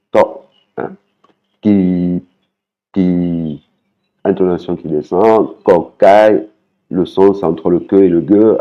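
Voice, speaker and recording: A man's voice: deep voice, highs cut off. A man teaching a language lesson, patiently repeating words and singing out their tones.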